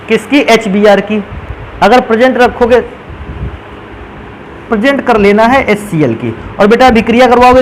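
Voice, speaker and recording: A man with a very high-pitched voice lectures on chemistry, calling his students "beta" and answering his own questions as he goes. The poor audio includes a little hiss or hum.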